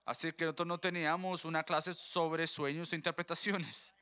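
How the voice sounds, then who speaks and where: A man's voice: on the high side, little pitch movement, normal speed, sharp tone, smooth. A man preaching a sermon, telling a conversion story and addressing the congregation as his brothers.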